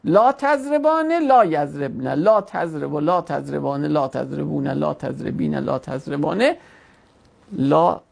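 A woman's voice: sits low, expressive, creaky, darkish tone, husky. Patient woman teaching grammar. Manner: patient, explains step by step with examples. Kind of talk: online class, explaining verb conjugation.

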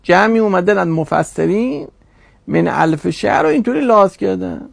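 A man's voice: high-pitched, sing-song, vocal fry, slightly rough, dry recording. A man teaching a religious studies class, reasoning aloud and posing rhetorical questions to his students.

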